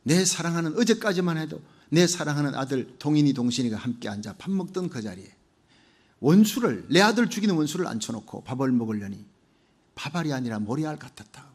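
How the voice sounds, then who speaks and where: A male pastor preaching a Sunday sermon, with fervent, rhythmic repeated phrases that swing between loud declarations and hushed low asides. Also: lively intonation, fairly quick, breathy edge.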